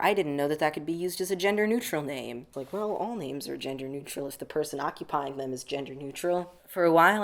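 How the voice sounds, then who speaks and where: A young American man with a gravelly, medium-pitched voice answers interview questions. He keeps it casual and reflective, frequently saying "like."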